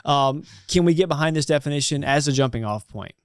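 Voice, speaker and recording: A man hosting a casual studio talk show, upbeat and chatty, often trailing off softly at the end of a phrase. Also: fairly high pitch, fairly quick, clean tone, no room sound. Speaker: host, chief marketing officer. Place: company studio.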